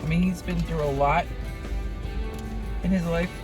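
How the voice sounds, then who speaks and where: A man in casual conversation, explaining things in a halting way and repeating words as he goes. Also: fairly high pitch, fairly even intonation. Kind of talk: casual chat. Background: music.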